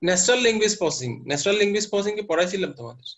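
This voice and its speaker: A man's voice: high voice, animated, racing, fairly bright tone. A male teacher lecturing a class step by step and quizzing his students as he goes. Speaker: university teacher. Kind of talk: lecturing class, mixing English terms. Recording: muffled lo-fi class recording.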